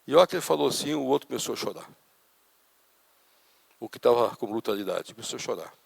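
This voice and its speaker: A man preaching a sermon with a Brazilian Portuguese accent, a pastor who tells stories dramatically and turns loud and high when acting out scenes. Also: animated, fast, gravelly, dry recording.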